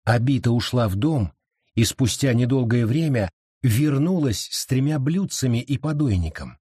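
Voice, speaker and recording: A man narrating an audiobook in a steady, measured reading voice. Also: medium pitch, slightly rough, no echo, clean studio sound. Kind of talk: scripted narration.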